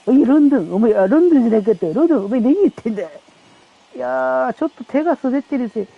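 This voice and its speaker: A man voicing a short-tempered male baseball manager who shouts scoldings at his players, heard in a dull lo-fi recording. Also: very high-pitched, moderate pace, gravelly, pitched above the performer's own voice, heavily acted. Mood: blustering angry.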